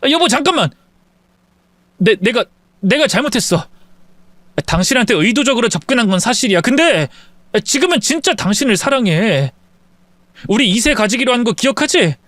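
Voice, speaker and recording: A man's voice: extremely high pitch, sing-song, moderate pace, pauses often, a bit bright, no room sound, full character voice. A man voicing a deceitful young husband who stammers and pleads with excuses in a dry recording. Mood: pleading. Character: lying, groveling young husband caught cheating.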